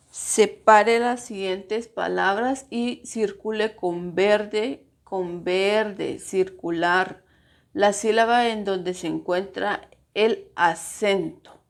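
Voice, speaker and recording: A woman teacher explaining a grammar lesson to her pupils, patiently stretching out syllables to show where the stress falls. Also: medium pitch. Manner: addresses pupils directly.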